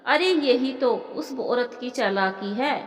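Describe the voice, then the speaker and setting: Troubled young bride, done by a woman, soft guarded, high voice, echoey. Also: slow. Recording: roomy with long reverb.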